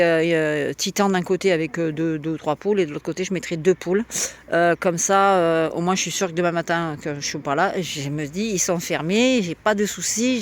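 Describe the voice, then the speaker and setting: A woman chatting casually to her viewers while tending her hens outdoors, talking spontaneously and cooing fondly at the birds. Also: mid-range voice. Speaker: backyard poultry keeper vlogger. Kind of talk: casual vlog chat. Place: outdoors by a henhouse.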